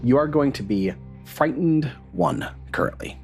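A man's voice: medium pitch, lively intonation, measured pace, a little mellow, soft background music. A man running a tabletop game as game master, narrating scenes and bantering playfully with the players.

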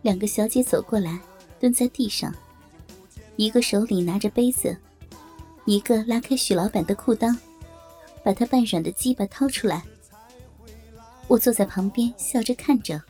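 Husky-voiced woman narrating a story. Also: mid-range voice, dark tone, soft background music. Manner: colloquial, brisk storytelling. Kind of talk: first-person story narration.

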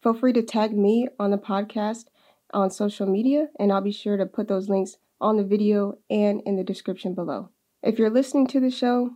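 A woman hosts a video podcast with a mellow, soft-edged voice. She is friendly and a little hesitant, smoothing her way into questions with small fillers. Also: mid-range voice. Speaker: podcast host. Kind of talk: podcast hosting.

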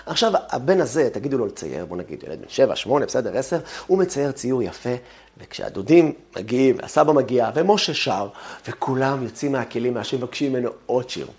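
A man giving a talk on the weekly Torah portion, telling family stories and acting out their quotes. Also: medium pitch. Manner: animated storytelling with acted-out quotes. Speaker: religious teacher.

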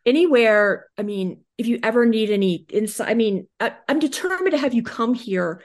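A woman's voice: a little high, expressive, moderate pace. Lady guest on a podcast, gushy and effusive, says things twice. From United States. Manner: effusive and gushing, repeats herself. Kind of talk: casual interview chat.

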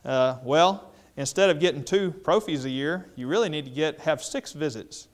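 A middle-aged man with a drawl tells a funny, self-deprecating story to a room of fellow dentists. His voice sits a little high for a man. He gets animated and mimics other people's voices when he quotes them. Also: moderate pace. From Mississippi. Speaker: dentist speaking to dental professionals. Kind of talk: humorous storytelling talk to an audience.

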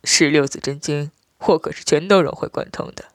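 A man playing a smug, scheming young husband in an audio story, speaking in a low, teasing, self-satisfied way. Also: a little fast, no room sound, clean studio sound, lightly acted.

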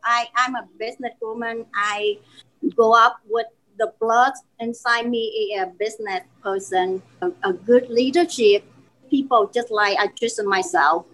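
A woman's voice: fairly high pitch, steady tone, unhurried, a bit bright, rough recording. A woman in her forties from Vietnam with a Vietnamese accent, a restaurant owner talking earnestly in a podcast interview and often restarting her sentences. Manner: earnest storytelling with frequent restarts.

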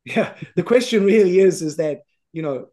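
A man's voice: high-pitched, expressive, normal speed, warm tone. A man with a South African accent, a podcast host, speaking candidly and thoughtfully in conversation.

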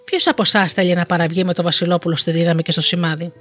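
Narrator doing good old storybook king, earnest, gentle, muffled lo-fi, faint music. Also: mid-range voice, steady tone, lightly acted. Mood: calling out. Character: kindly worried old king. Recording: dull lo-fi recording.

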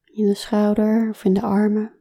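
A woman guiding a slow body-awareness exercise, speaking softly and calmly, often in a whisper. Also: mid-range voice. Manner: soft, calm, often whispering. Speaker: relaxation guide.

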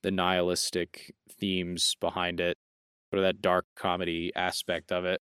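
A man's voice: deep voice, completely flat delivery, normal speed, fairly bright tone, smooth, no room sound, clean studio sound. A young man co-hosting a casual film review podcast, rambling and joking, often correcting himself mid-sentence. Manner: rambling, jokey, self-correcting. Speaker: podcast co-host.

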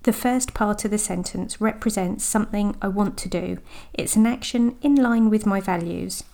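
Gentle woman with a gravelly voice. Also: mid-range voice. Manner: gentle, deliberate, with slow emphatic words. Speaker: podcast host and sobriety coach. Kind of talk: reflective podcast monologue.

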